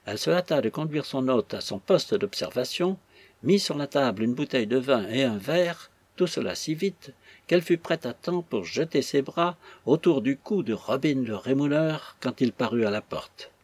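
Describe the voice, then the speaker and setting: A man narrating a classic novel in a measured, even reading voice. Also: mid-range voice, breathy edge, dry recording. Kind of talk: scripted audiobook narration.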